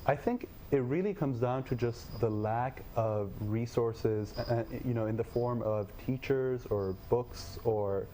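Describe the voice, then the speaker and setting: A young man from Nepal, answering interview questions in a measured, thoughtful way with frequent fillers. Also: mid-range voice, dark tone, slight background noise. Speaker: guest, education tech company head.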